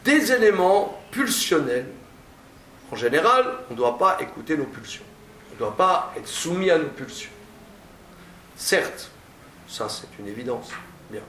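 A male teacher giving a classroom lecture, often stammering and restarting, stressing points with drawn-out phrasing. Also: on the high side, sing-song, a bit bright. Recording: echoey room, distant mic, faint noise.

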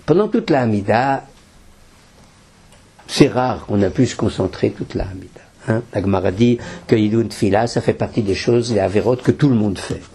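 A man's voice: lowish voice, normal speed, warm tone, breathy edge. An older man, a rabbi, teaching a Torah class with practical advice and Hebrew terms woven in. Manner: explanatory, practical tips, mixing in Hebrew terms.

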